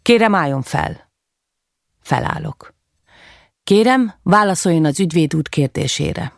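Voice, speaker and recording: A woman's voice: deep voice, lively intonation, vocal fry, dry recording, studio quality. A woman voicing a stern female judge who formally directs a courtroom hearing. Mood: commanding. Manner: formal, commanding.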